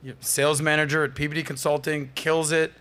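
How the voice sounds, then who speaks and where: A man's voice: on the high side, flat delivery, brisk, a bit bright. Upbeat man in his forties hosting. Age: 40s. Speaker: podcast host. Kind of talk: casual panel talk.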